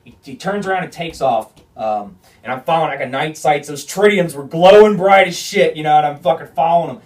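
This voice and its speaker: A man hosting a podcast, telling a hunting story in a casual, animated way, swearing often and restarting his phrases. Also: fairly high pitch, a little fast, distant mic. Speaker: podcast host.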